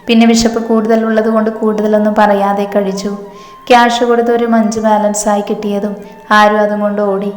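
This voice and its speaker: A woman narrating a scripted romance story at a steady, even read-aloud pace. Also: mid-range voice, brisk. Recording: echoey room with music behind.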